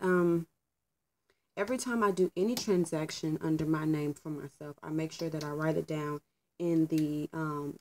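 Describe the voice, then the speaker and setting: While getting ready at home and doing her hair, a young woman vlogger chats candidly about work, saying um often. She has a low, creaky, darkish voice, and the rough recording carries a little hiss or hum.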